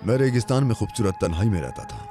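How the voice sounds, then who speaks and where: Defiant young man, scornful of idols, lively swinging pitch, dubbed film, music and crowd behind. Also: fast. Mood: earnest. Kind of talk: Urdu dubbed film acting.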